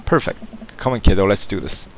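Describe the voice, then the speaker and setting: A man's voice: on the low side, expressive, fairly quick, vocal fry, soft background music. A man playing a dating game, casually reading its text aloud and stumbling over words now and then. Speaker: let's play gamer.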